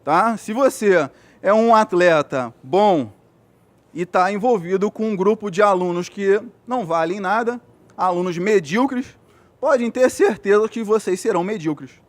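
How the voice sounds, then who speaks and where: A man's voice: high voice, expressive, measured pace. A Brazilian man, a physiotherapist, giving an earnest motivational speech to young athletes, checking in often with his listeners. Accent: Brazilian Portuguese.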